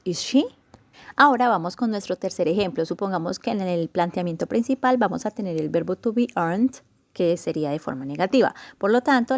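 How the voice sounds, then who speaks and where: A woman with a mid-range, slightly mellow voice teaches English grammar in Spanish, recorded with no room sound. She patiently explains each step and slows down to model example sentences.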